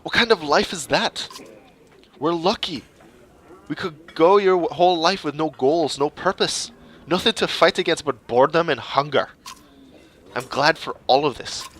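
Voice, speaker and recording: A man's voice: on the high side, normal speed, a bit bright. A man voicing a brash, cocky young male Viking warrior in a fantasy game. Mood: swaggering. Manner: swaggering, bold.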